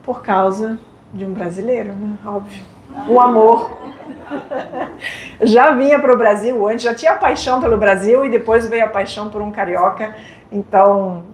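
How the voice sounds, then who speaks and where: A woman's voice: mid-range voice, a little mellow. French-accented woman lecturing in an echoey hall. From France. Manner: direct, playful, questions the audience. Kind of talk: live lecture to an audience. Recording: echoey hall with faint noise.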